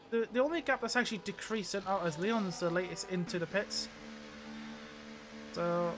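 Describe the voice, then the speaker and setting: A man's voice: high-pitched, background noise. A man commentating live on an online race, chatty, often restarting his sentences. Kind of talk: live sim racing commentary.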